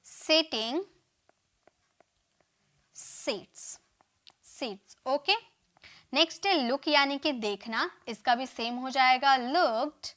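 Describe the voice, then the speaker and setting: A young woman with a high voice and an Indian accent teaches English verb forms in a live online class. She calls out every word form and says it twice, and keeps asking her viewers to follow along and comment. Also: slow, pauses often, bright, forceful tone. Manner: drills word forms aloud, repeats each word, urges viewers to comment and share.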